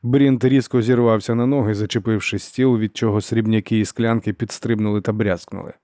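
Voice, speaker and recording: A man narrating an audiobook in an even storytelling manner. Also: fairly low pitch, a little fast, dry recording, clean studio sound. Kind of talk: scripted narration.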